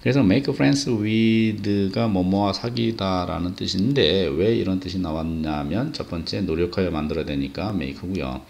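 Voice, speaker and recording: A man teaching an English idiom lesson, explaining patiently and pausing on filler sounds. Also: deep voice, vocal fry, darkish tone.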